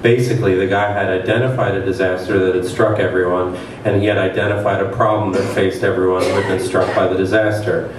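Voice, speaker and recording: Here a man in his thirties, reading at a literary event, performs satirical fiction dramatically in a low-pitched, level voice, talking fast with hardly any pauses. He's on stage in a small event room before an audience, speaking into a table mic on a stand. The very echoey hall, distant mic, and noise all come through.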